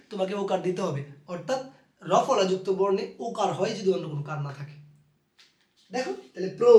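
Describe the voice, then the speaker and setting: A man teaching a pronunciation lesson, addressing students fondly and slowly repeating each rule. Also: very high voice, a bit bright, far from the mic. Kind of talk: recorded Bangla pronunciation lesson. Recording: echoey room, voice off-mic.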